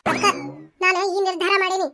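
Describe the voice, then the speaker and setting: A headstrong young village lady from a cartoon, with a North Karnataka Kannada accent. Her voice is very high and bright, and she talks in a petulant, sharp-tongued way over faint background music. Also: flat delivery, a little fast. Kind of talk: cartoon voice acting.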